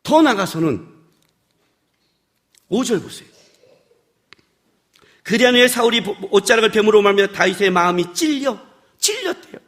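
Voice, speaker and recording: A man with a notably high voice preaches in a church worship service. His pitch swings widely as he talks the congregation through the passage in a conversational way. He breaks into loud, acted-out scolding now and then. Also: moderate pace, long pauses. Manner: animated, conversational preaching with rhetorical questions; acts out scolding lines in sudden loud bursts. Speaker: pastor. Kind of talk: sermon.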